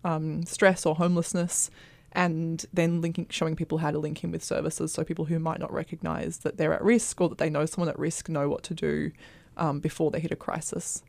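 A woman's voice: sits low, flat delivery, fairly quick, creaky, darkish tone, no room sound. A woman explaining her work as a housing support worker in a casual, slightly tentative studio interview. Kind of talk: casual radio interview talk. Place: radio studio.

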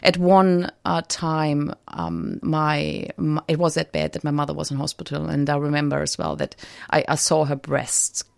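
A woman's voice: sits low, flat delivery, moderate pace, gravelly, few pauses, no echo. A woman from Germany, a radio studio guest, telling her personal story hesitantly with many fillers and restarts. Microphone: studio microphone.

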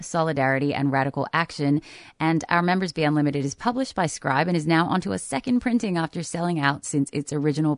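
A woman hosting a community radio breakfast show, her voice low and even. She talks in a friendly, chatty way with a few fillers. The sound is dry and close to the mic. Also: no echo. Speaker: radio host.

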